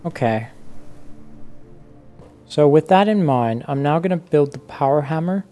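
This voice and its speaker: A man's voice: on the high side, expressive, unhurried, warm tone, soft background music. A man giving casual let's-play commentary, thinking aloud with many fillers and restarts. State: hiccuping. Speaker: gaming YouTuber.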